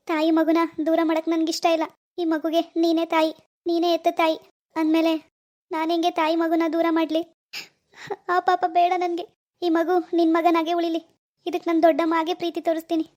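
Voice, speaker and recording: A woman voicing a childless, deeply grateful elder sister in an animated cartoon, speaking in an in an earnest, pleading way. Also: brisk.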